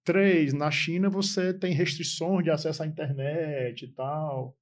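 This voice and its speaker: A man hosting an interview podcast, asking his questions in quick bursts and cutting in often. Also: on the high side, fairly even intonation. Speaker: podcast host.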